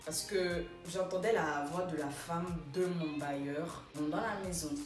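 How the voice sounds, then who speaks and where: A young woman vlogger casually telling a story about her home, animated and exclamatory, her voice jumping up when she retells a quarrel. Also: on the low side, a little slow, recorded from a distance, music in the background. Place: small room indoors. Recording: roomy, from off-mic.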